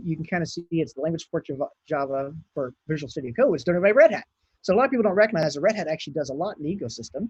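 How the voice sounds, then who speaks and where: A man's voice: high voice, a little mellow, slightly rough, dry recording, highs cut off. Chatty man giving a live coding demo. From Hawaii. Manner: chatty, thinks aloud while clicking and typing. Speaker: conference speaker.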